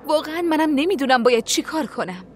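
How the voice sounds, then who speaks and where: An actress dubbing a frustrated young wife in a TV drama, reproachful and pleading. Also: female voice, high voice, animated, slight background noise. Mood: defensive. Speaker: dubbing actor. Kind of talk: dubbed TV drama dialogue.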